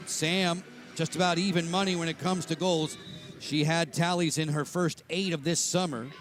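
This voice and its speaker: A man doing play-by-play commentary for a live lacrosse broadcast, with a steady, informative delivery. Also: a little high, normal speed, faint music behind, rough recording.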